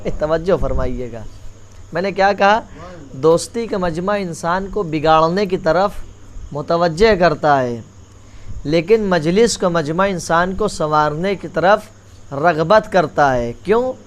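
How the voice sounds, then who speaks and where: A man delivering a Muharram majlis sermon. He repeats his key lines and keeps calling the audience back to attention. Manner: rises in pitch and force as the sermon builds. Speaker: maulana giving a majlis address.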